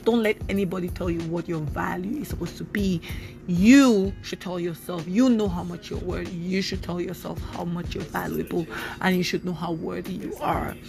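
A woman in her thirties chats through her podcast with a fairly low voice, lively and full of fillers. Soft music plays faintly in the background. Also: moderate pace, vocal fry. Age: 30s. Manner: chatty, animated, with many fillers. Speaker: podcast host. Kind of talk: casual solo podcast talk.

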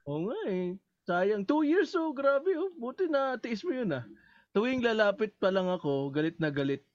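A man co-hosting a casual podcast, animated, laughing often and swearing casually among friends. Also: high-pitched, normal speed, dry recording, dull audio. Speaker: podcast co-host. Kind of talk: casual chat.

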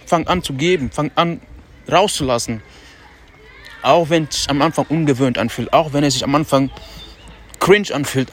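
A man hosting a podcast in a casual, motivational monologue, talking loudly on purpose in a loose, self-talking way with slangy asides, outdoors on a city street. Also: a little high, slight background noise. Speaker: podcast host.

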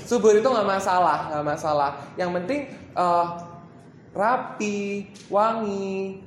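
Brief: chatty trainer at mid pitch, workshop talk with English slipped in, roomy echo. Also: slow pace, slight background noise. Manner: chatty, mixes in English phrases, many fillers. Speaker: workshop presenter. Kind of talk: casual training talk to a live group.

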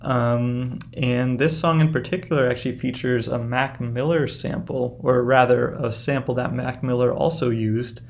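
Male music show host, informal and conversational, noticeable vocal fry. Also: mid-range voice, steady tone, normal speed, few pauses, darkish tone. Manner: informal, chatty. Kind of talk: casual music show commentary between songs.

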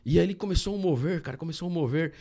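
A man from Brazil, a guest on a podcast, telling a personal story in a casual, animated way and often saying "cara". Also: on the high side, racing. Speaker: podcast guest, candy entrepreneur.

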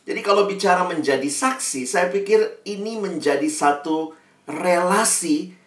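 A preacher giving a sermon to an online congregation, telling stories with lively delivery and speaking directly to the listeners. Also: medium pitch. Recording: roomy sound, distant mic.

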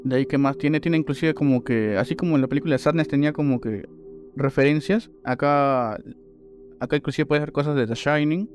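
A man's voice: fairly high pitch, fairly quick, soft background music. Laid-back man chatting about films. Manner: relaxed, rambling, hesitant restarts. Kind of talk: casual film review chat.

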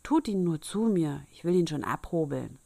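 A woman's voice: low-pitched, expressive, moderate pace, gravelly, dark tone, dry recording, full character voice. A woman voicing a sly, self-assured village sexton in a fairy tale reading, speaking offhandedly.

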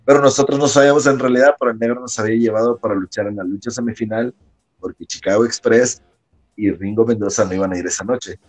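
A man with a Mexican accent, a wrestler guest casually telling an anecdote, animated and often laughing as he acts out the people in it. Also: mid-range voice, fast talker, poor audio. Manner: lively storyteller who acts out quoted people in a raised voice and laughs often.

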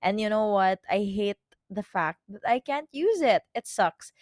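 Young Filipino woman, twenties, podcast host; mid pitch, loose chatty delivery, dry close sound. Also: lively intonation, a little mellow, dry recording. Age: 20s. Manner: chatty, rambling, full of "like" fillers and quick self-corrections. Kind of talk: casual solo podcast chat.

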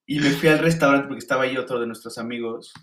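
A young man with a Mexican Spanish accent, co-hosting a podcast and telling a story in an animated, slangy way. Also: medium pitch, fast, reverberant. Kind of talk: casual storytelling chat.

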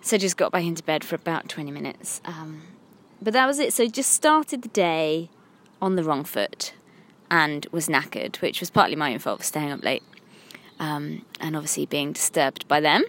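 A woman's voice: normal speed, a little hiss or hum. A woman in her thirties with an English accent, talking candidly to camera from a parked car, rambling and self-critical. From England. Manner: frank, rambling and self-critical, with lively swings in pitch. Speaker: vlogger. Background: passing cars.

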